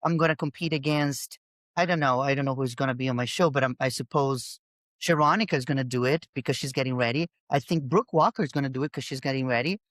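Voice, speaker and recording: A woman's voice: rumbling low, fast talker, no room sound. A woman hosting a casual podcast conversation, talking emphatically and restarting her sentences as she goes. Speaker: podcast host and bodybuilding coach.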